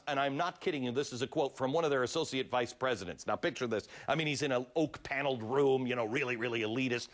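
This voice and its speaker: A man hosting a television commentary show, sarcastic, emphatic and animated. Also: medium pitch.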